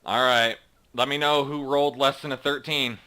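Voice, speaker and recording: A man narrating as game master of a tabletop role-playing game, reading out scenes slowly and dramatically and chatting casually with his players between them. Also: medium pitch, fairly even intonation, bright, forceful tone, smooth. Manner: slow dramatic read-aloud narration, then halting casual asides.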